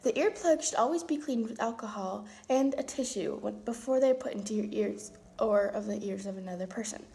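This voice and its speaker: A woman's voice: mid-range voice, fairly quick, vocal fry, mellow. A young woman with the hiccups reading science lab instructions aloud at home, with casual asides. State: has the hiccups. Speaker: vlogger doing a school science lab at home. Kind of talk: casual home video chat.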